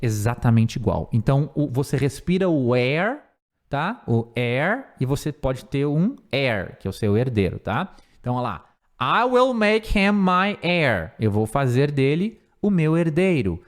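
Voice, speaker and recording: Lively Brazilian man teaching English. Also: mid-range voice. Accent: Brazilian Portuguese. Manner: explains slowly, repeats words for pronunciation. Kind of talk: teaching English grammar and pronunciation.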